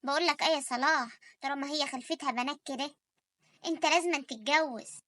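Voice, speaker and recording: A woman's voice: high-pitched, sharp tone, dry recording. A woman voicing a nagging old Egyptian mother. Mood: insistent. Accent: Egyptian Arabic. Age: older. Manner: nagging, insistent, fast. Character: grumbling elderly mother, pushy and doting. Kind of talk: animated story voice acting.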